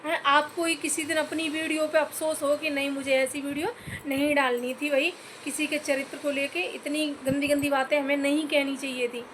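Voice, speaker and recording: Woman vlogger, high pitched, scolding, pleading, faint background ambience. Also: little pitch movement, moderate pace, noisy background. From Uttar Pradesh, India. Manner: scolding, repeatedly addressing listeners as "bhai"; earnest, pleading for comments. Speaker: YouTube vlogger. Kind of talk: direct-to-camera commentary rant.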